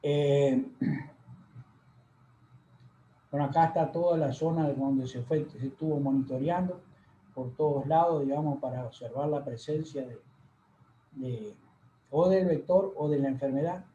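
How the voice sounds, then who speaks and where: A man giving a university lecture over slides, unhurried and full of fillers and pauses. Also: on the high side, dark tone, slight background noise. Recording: echoey room, dull lo-fi sound.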